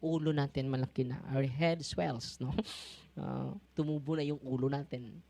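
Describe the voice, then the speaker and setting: Animated Filipino priest preaching. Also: male voice, normal speed, gravelly. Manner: switches between Tagalog and English, keeps asking the crowd for agreement; laughs easily, animated swings in pitch. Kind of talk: conversational preaching to a congregation.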